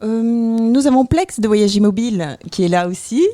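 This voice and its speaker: A man's voice: extremely high pitch, normal speed, no echo, clean studio sound. A man on a casual radio chat, laughing easily and introducing the people behind the station. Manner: lively, laughs easily, lists names.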